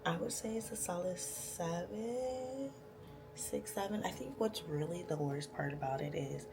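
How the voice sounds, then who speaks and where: A woman's voice: low-pitched, creaky, poor audio. A woman chatting casually to camera as a vlogger, candid, informal and slangy.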